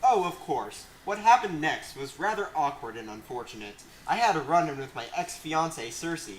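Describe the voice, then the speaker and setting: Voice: mid-range voice, very animated, normal speed, close to an everyday voice. A performer playing a boastful, goofy hero on his way home, talking in a cocky, slangy, joking way in an amateur comedy skit. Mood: casual boasting. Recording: roomy echo, faint noise.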